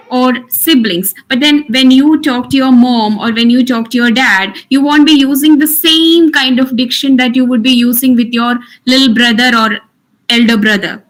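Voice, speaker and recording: A woman's voice: a little high, fairly bright tone, low-quality recording. A woman teaching an online workshop, instructive, restating her points for emphasis. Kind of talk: interactive lecture.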